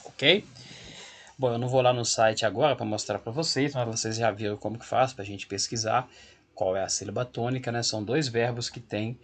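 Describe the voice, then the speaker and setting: Patient Brazilian-sounding man teaching, husky. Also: mid-range voice, steady tone, moderate pace. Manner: patient, reassuring, repeats key points. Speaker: English teacher. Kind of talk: classroom lesson explanation.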